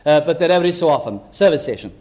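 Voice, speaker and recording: An older man preaching a sermon earnestly, slowing down to stress key phrases. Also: on the high side, animated, a little mellow, poor audio.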